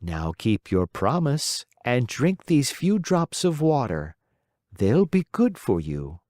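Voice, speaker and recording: A storyteller voicing a patient, motherly fairy who coaxes gently but firmly. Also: medium pitch, very animated, slow pace, dry recording, studio quality. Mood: coaxing. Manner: gentle, coaxing and firm.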